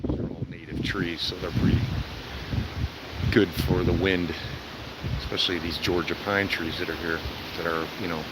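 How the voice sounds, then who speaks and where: A low-pitched man gives casual live storm commentary outdoors, sounding keen on the weather. Very loud wind buffets the microphone, with leaves rustling around him. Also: level tone, normal speed. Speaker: amateur storm watcher livestreaming. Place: outdoors in a yard at night during hurricane winds. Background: strong gusting wind, rustling trees.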